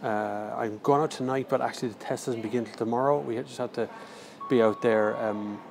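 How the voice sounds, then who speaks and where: This Irish man reviews cars and is livestreaming by phone from inside a large airport terminal, casually joking, rambling and using slang while replying to viewers. His medium-pitched voice is creaky and darkish, brisk with fairly even intonation, and faint terminal sounds can be heard.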